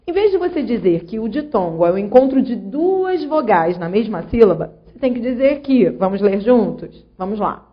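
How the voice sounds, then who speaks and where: A teacher with a fairly high, husky, very animated voice explains grammar rules online at a moderate pace, checking in directly with her student as she goes. The sound is lo-fi.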